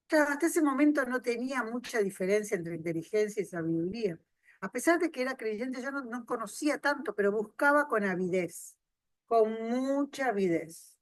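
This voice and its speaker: A woman pastor delivers a sermon in a fairly high voice. She swings between loud, stretched emphasis and soft, hushed asides. The sound is close and dry, with no room echo. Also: expressive, normal speed.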